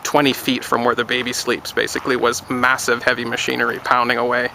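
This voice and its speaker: A man's voice: mid-range voice, little pitch movement, fast talker, gravelly, pushed and bright, a little hiss or hum, rough recording. A man talking frankly in a casual outdoor vlog, rambling and wry, near a construction site. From Canada. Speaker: vlogger.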